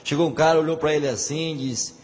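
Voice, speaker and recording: A man telling a string of jokes, leaping into high exaggerated voices for the characters. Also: brisk, darkish tone, husky. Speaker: joke teller. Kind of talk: telling jokes to a live audience.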